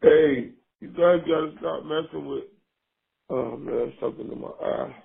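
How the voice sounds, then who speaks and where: A man calls in and leaves a warm, effusive voicemail, heard over a landline phone. His voice is husky and gravelly, squeezed through a narrow, tinny line. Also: a little high, a little slow. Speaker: caller leaving a voicemail. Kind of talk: casual phone message.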